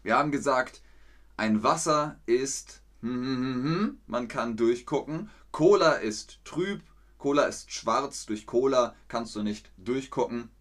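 A German teacher and livestreamer leads a live-streamed language lesson, explaining slowly and clearly. Now and then his voice leaps up high with excitement.

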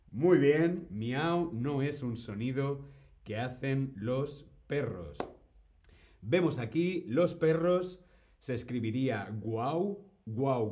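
A man teaching on a live stream, speaking slowly and clearly and greeting viewers in the chat by name. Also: mid-range voice, darkish tone. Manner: slow, clear, greets chat by name, imitates animal sounds. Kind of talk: live-stream language lesson.

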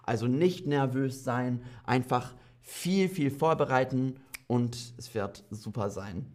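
A man teaching a German lesson on a live stream, repeating example sentences slowly and carefully and answering viewer comments. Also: medium pitch, darkish tone. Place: streaming setup, indoors.

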